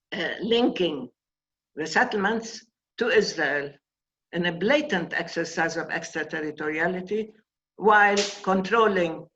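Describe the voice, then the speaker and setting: A woman's voice: lowish voice, fairly bright tone. Older woman, impassioned, emphatic, dull lo-fi sound. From Palestine. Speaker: guest. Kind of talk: interview conversation.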